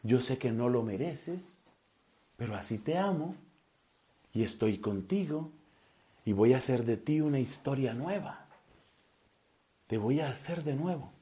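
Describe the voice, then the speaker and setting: A man preaching a sermon gives voice to God as a loving, forgiving father, speaking gently and intimately. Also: medium pitch, sing-song, a little slow, pauses often, husky. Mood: tender.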